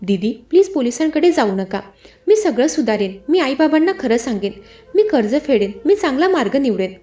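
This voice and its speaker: A woman's voice: sits high, big pitch swings, fairly quick, mellow, faint music behind. A woman voicing a remorseful young man who pleads with his sister in a story. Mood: pleading.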